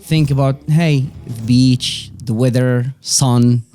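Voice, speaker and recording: A business owner in his forties with a Moroccan accent, a native Arabic and French speaker, talks slowly as an interview guest, casually sharing personal stories. His mellow voice is medium-pitched with fairly even intonation. There's faint music behind him.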